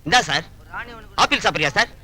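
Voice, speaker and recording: An actor playing a pushy street fruit seller who hawks loudly and scolds a customer over money. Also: male voice, high voice, expressive, full character voice. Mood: hawking. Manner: loud, rapid hawking and scolding.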